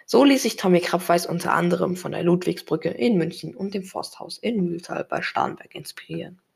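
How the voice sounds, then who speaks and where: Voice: medium pitch, brisk, vocal fry, breathy edge. A reader presenting a book and its author, reading aloud plainly with occasional slips.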